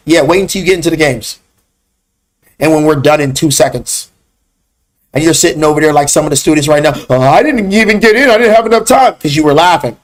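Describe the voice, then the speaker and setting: A man hosting a live trading class, talking bluntly and scolding viewers by name, with drawn-out loud emphasis when he calls people out. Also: a little high. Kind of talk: live stream trading lesson.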